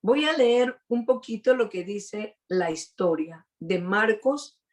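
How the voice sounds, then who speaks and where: A woman preaches a sermon over a video call. Her voice is slightly hoarse and mid-pitched, and she speaks slowly and earnestly, pausing to stress each point. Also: animated. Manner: earnest, with emphatic pauses.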